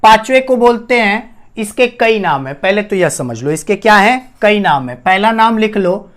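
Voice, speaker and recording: A man's voice: sits high, animated, moderate pace, fairly bright tone. A man teaching a Hindi grammar lesson, asking the class questions and repeating each key term. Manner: addresses students as "bhaiya". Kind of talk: classroom-style lesson on a whiteboard.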